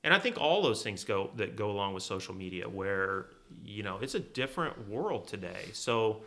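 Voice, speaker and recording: A middle-aged man from Kansas talks in a loose, easygoing way, often poking fun at his younger self. His voice sits low and gravelly, with a bright, forceful edge. The talk sounds like a relaxed conversation between two friends. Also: normal speed, slight background noise. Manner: self-deprecating, laughs at his own stories. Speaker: guest, chief legal officer. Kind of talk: casual conversational storytelling.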